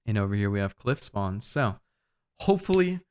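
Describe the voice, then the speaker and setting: Young male streamer, smooth lowish voice, relaxed filler-heavy guide talk, slightly winded. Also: fairly quick. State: out of breath. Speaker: streamer explaining game map callouts. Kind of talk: casual game guide narration.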